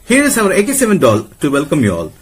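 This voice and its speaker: A woman teaching English pronunciation, modeling words slowly and deliberately for a learner to repeat. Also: sits low, huge pitch swings, slightly rough. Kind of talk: pronunciation lesson.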